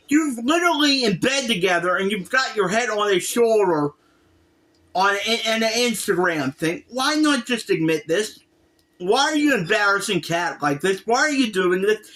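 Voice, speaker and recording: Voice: medium pitch, fairly bright tone. A commentator on a casual opinion rant, speaking in an exasperated, emphatic way and repeating points for stress. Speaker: reaction video commentator.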